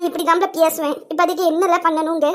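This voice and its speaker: A woman's voice: very high-pitched, steady tone, quick pace. A woman voicing a bossy old Kanyakumari grandmother. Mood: scolding. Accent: Kanyakumari Tamil. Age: older. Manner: blunt, scolding, sets the rules. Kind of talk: cartoon voice acting.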